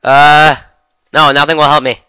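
A young man with a cold, chatting excitedly through a game session. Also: mid-range voice, normal speed, clear, resonant tone, no room sound. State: has a cold. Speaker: gamer. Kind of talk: casual game commentary.

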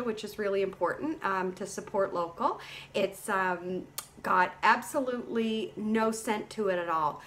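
A woman's voice: on the high side, fairly bright tone. Chatty woman giving a how-to demo. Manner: chatty, practical, repeats for emphasis. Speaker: sleep clinic CPAP educator. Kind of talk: casual how-to demonstration. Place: small indoor room, seated at desk.

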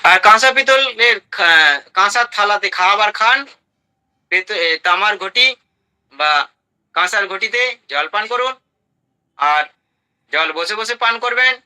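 A man with a high, very bright and piercing voice gives a health talk to an audience. He is emphatic, rattles off items in short bursts and keeps asking rhetorical questions. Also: expressive, unhurried, long pauses, smooth, poor audio. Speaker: health speaker.

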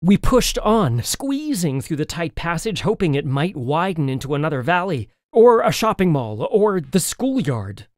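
A man's voice: fairly high pitch, big pitch swings, moderate pace, hardly any pauses, a little mellow, no room sound, clean studio sound. A man reading a children's novel aloud as an audiobook in the first person, telling the story expressively. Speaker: audiobook narrator.

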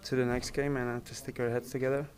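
In a post-match press interview, this man in his thirties, captain of a soccer team, speaks at a medium pitch in an even, faltering way and repeats himself. Reporters crowd him with handheld mics and phones held close. Behind him is a sponsor backdrop, and the indoor press area buzzes with crowd noise.

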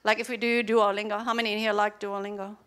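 A German-native woman leads a chatty conference workshop for teachers in a large lecture hall, tossing quick questions at the audience and laughing between points. Her medium-pitched voice is clear, resonant and fairly bright, though her delivery is flat.

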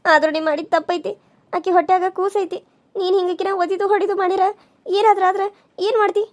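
An older village woman from a cartoon serial, as a woman puts her on, urging in slow, pleading tones. Her voice is very high. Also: steady tone. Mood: urgent.

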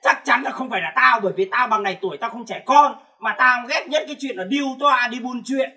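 A woman playing a loud, coarse older shop owner who scolds and wails mock laments in a comedy sketch. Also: a little high, fast talker. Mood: scolding. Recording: distant mic with music behind.

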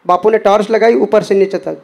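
A man with a noticeably high voice recounts a personal devotional experience. He tells it earnestly and slips into the voices of the people he quotes. The delivery is plain spoken testimony, not a reading. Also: fairly even intonation, brisk, vocal fry, darkish tone. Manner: earnest retelling that acts out quoted dialogue.

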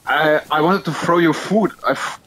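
A man's voice: a little high, normal speed, bright, forceful tone, slight background noise, rough recording. German-accented man, hesitant casual gamer. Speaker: online game player. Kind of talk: casual in-game chat.

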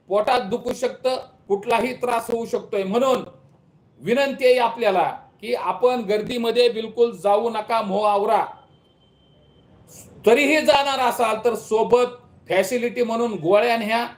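A man making an urgent, pleading public appeal to the camera, repeating his warnings. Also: very high-pitched. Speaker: local political leader giving a public warning. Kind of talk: impassioned direct-to-camera appeal. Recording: echoey room.

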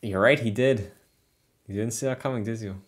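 A young man with a fairly low voice co-hosting a casual talk podcast. He chats easily and wryly, chuckling as he goes. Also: moderate pace. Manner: chatty and wry, often laughing. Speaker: podcast co-host. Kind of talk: casual chat.

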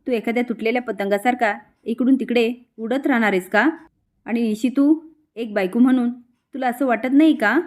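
A woman's voice: fairly high pitch, moderate pace, darkish tone, natural voice. A woman voicing a domineering mother who scolds her son insistently, in a spoken soap-story retelling. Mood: scolding.

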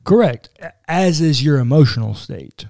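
A man in his thirties co-hosts a relaxed podcast in a dark, mellow voice that's fairly high-pitched, at a moderate pace. Seated in an armchair in a small, dry room with no room sound, he's close to a boom-arm studio mic in front of him. He muses reflectively, talking things through with frequent "like"s.

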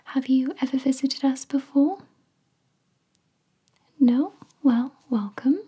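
In a whispered ASMR roleplay, a woman plays a spa therapist, her voice airy and breathy throughout. Slow and soothing, slightly higher in pitch, she gives every word a mellow, soft edge, staying gentle and attentive.

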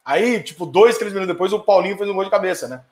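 A middle-aged Brazilian man talks fast and fiery on a live stream, swearing freely as he reacts to viewer comments. His voice sits a bit high for a man. The room around him is echoey and bare. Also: lively intonation. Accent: Brazilian Portuguese. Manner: profane, fiery, quick to anger and rant. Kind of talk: casual heated live chat.

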